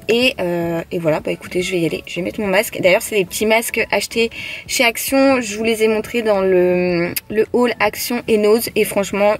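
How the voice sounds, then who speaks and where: A young woman talks to her camera at home in a loose, chatty way. She rambles and restarts her sentences often, filling the gaps with little hesitations. Her voice sits at an ordinary middle pitch. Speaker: vlogger. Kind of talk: casual chat to camera.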